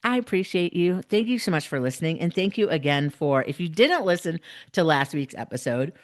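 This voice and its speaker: A woman's voice: fairly low pitch, lively intonation, a little fast. A woman hosting a solo podcast, talking earnestly and emphatically to listeners, repeating phrases, with the slight lisp of someone wearing a dental retainer. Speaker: podcast host.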